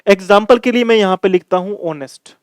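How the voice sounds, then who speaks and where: A man's voice: high voice, fairly quick, clean tone, dry recording. A man teaching an English grammar lesson in a classroom style, calling viewers his dear children and repeating points for emphasis.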